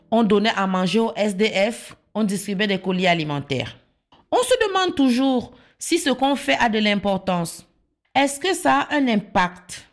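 A woman, calmly telling her life story in short, plain sentences. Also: mid-range voice. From Cameroon. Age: 40s. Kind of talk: personal testimony. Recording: soft guitar music underneath. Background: plucked guitar music.

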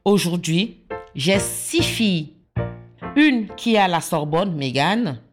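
A woman, calmly telling her life story in short, plain sentences. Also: on the low side, slow. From Cameroon. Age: 40s. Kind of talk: personal testimony. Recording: soft guitar music underneath. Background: plucked guitar music.

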